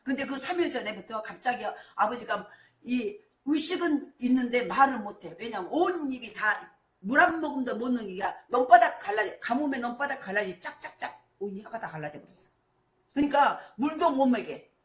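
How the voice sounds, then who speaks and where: A middle-aged woman pastor preaching a sermon, moving between hushed storytelling and shouted declarations. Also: a little high, expressive, moderate pace. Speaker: senior pastor. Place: church sanctuary. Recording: echoey church hall.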